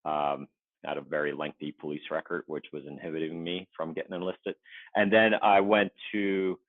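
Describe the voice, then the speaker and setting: A man in his forties from the Philadelphia suburbs, chatting casually as an interview guest in a relaxed, rambling, self-deprecating way over a remote call. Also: a bass voice, normal speed, no room sound. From Philadelphia suburbs, USA. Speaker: guest, Navy veteran. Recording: tinny phone-like dry line.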